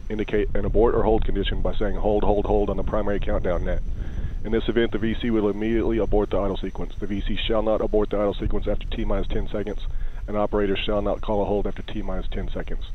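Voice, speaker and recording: Flat, fast-talking man paging personnel. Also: fairly low pitch. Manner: formal, scripted, clipped command delivery. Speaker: launch conductor on a countdown net. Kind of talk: procedural radio announcements, like a public address page. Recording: dull lo-fi radio net, background hiss.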